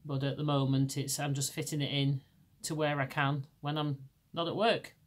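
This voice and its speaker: A middle-aged English podcast host from Lancashire chats casually in a level tone at normal speed. Her voice is naturally deep but still hoarse from laryngitis, and her talk rambles with many restarts.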